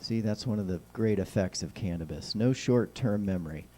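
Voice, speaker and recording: Man, American, low voice, dark mellow tone, whistling s, folksy rambling talk show host. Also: moderate pace. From Kansas City, United States. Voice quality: whistling s sounds. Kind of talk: casual solo political chat with light humour.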